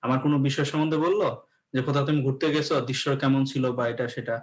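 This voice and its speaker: A man teaches an English lesson at a steady middle pitch. He explains things patiently and often pauses to check that his students are following. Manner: explanatory, repeats "okay" to check in. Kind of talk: classroom lecture.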